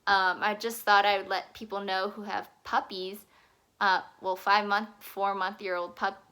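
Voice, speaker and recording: A woman's voice: mid-range voice, flat delivery, a little slow, sharp tone, clear, resonant tone. A young woman telling a rambling, casual vlog story, full of fillers and asides. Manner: chatty, rambling, lots of "like". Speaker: vlogger.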